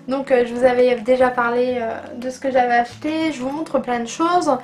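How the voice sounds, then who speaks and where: A woman's voice: high-pitched, steady tone, a little fast, soft background music. A woman chatting enthusiastically in a casual beauty vlog, reviewing makeup products with plenty of fillers. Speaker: beauty vlogger.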